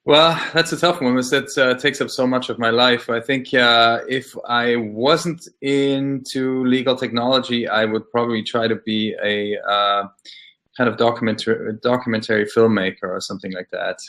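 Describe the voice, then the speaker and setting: A middle-aged man from Austria, a guest in a casual interview, speaking thoughtfully with many pauses and fillers. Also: mid-range voice, fairly even intonation, sharp tone. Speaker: interview guest, law scholar.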